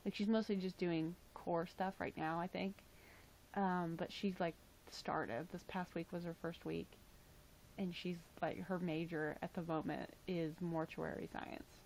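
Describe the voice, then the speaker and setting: A woman's voice: on the low side, steady tone, measured pace, vocal fry, a little mellow, a little hiss or hum, rough recording. Tired young woman chatting on a livestream. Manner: chatty, lots of "like" and "um", reads chat aloud. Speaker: livestream host. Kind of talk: casual livestream chat.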